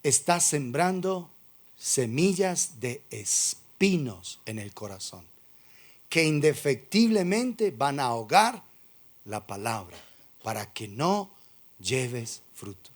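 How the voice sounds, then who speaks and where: A man's voice: mid-range voice, sing-song, slow pace. A man preaching a sermon as pastor, firing rhetorical questions and acting out imagined excuses. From Colombia.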